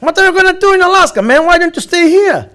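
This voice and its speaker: A man voicing a jovial male immigration officer who teases and jokes in a chummy, drawn-out way. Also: very high-pitched, expressive, sharp tone, voice pushed up, exaggerated voice. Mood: teasing.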